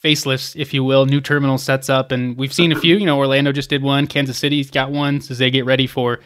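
A man's voice: medium pitch, little pitch movement, fairly bright tone, smooth. A man hosting a travel podcast, affirming his guest and asking him questions. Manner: quick, affirming interviewer. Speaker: podcast host. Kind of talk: interview hosting.

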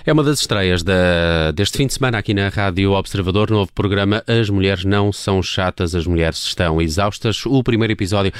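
A man's voice: deep voice, a little fast, few pauses, smooth, dry recording, clean studio sound. A man with a European Portuguese accent presenting live radio as the host.

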